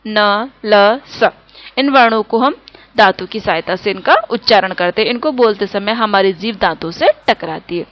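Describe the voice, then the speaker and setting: A woman teacher giving a grammar lesson, slowly spelling out sounds one by one. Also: on the high side, dull audio.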